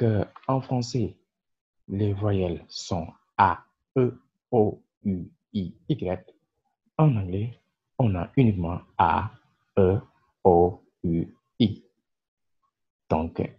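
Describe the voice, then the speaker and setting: Slow, husky man teaching English grammar. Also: fairly low pitch. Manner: slow, patient explaining with many fillers. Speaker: English teacher and channel creator. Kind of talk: French-language grammar lesson. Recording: dull lo-fi sound.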